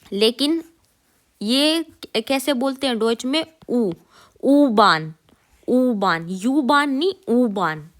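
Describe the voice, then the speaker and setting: Brief: female teacher, unhurried, slightly high voice, repeats sounds for learners. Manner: repeats each sound slowly and clearly for learners. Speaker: German teacher. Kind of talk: casual spoken lesson.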